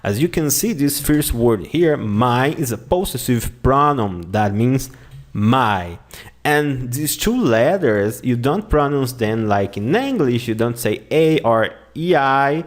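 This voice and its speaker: Man, language teacher, first language Portuguese, slow unhurried delivery, patient explanations, repetition drills. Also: mid-range voice, expressive. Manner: slow, patient, repeats words for pronunciation drills. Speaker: German teacher. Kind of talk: online language lesson.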